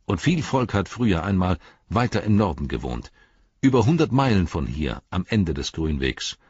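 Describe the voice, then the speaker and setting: A man voicing a calm, assured old male wizard in a storybook reading, speaking in a measured way. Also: low voice, slightly rough, no echo, exaggerated voice. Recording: dull lo-fi recording.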